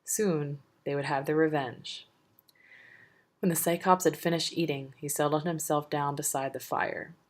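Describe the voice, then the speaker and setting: A woman reading a storybook aloud in a steady, measured way. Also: low-pitched.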